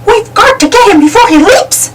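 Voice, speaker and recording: A woman voicing a cheerful, helpful cartoon mouse in a squeaky, eager way. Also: animated, moderate pace. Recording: far-off mic, loud background noise.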